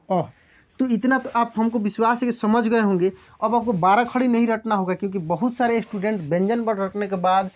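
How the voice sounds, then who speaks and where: Patient man spelling out sounds slowly, lo-fi. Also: high voice, a little mellow. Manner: patient, slow step-by-step spelling out. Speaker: teacher. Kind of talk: spelling lesson. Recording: dull lo-fi sound.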